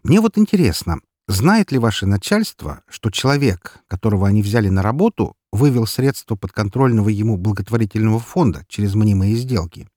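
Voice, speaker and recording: A man voicing a calm, cunning young man who corners a swindler in a carefree, mocking tone. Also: lowish voice, a little fast, hardly any pauses, dry recording, studio quality.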